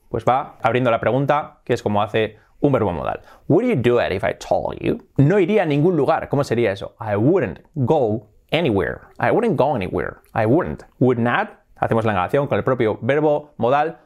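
Spanish teacher drilling English, lively pitch. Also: male voice. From Spain. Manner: slow, drawn-out repetition of example words. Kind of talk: video English lesson.

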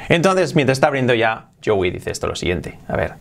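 A man teaching an English lesson in a casual video, repeating phrases slowly and switching between two languages. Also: medium pitch, big pitch swings, creaky.

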